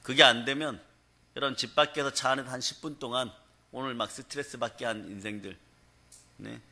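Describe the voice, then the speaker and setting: A man's voice: medium pitch, fairly even intonation, fairly quick, bright, forceful tone. A male pastor preaching a revival sermon, telling stories and often prompting the congregation for a response. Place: prayer hall.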